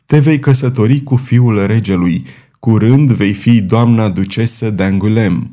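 A man reading an audiobook, voicing an older, burly executioner who speaks slowly and solemnly. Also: on the low side, warm tone, lightly acted.

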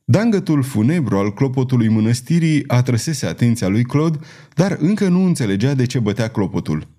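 A man narrating a novel in a dramatic, measured reading. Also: mid-range voice, big pitch swings, mellow. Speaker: audiobook narrator. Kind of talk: scripted narration.

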